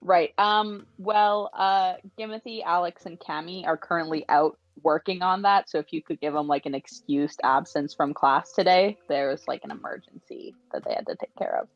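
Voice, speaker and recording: A woman voicing a polite, hesitant, apologetic high-school student in a tabletop role-playing game, on a dull microphone. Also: steady tone, moderate pace, few pauses, no echo, soft background music, lightly acted. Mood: earnest, nervous.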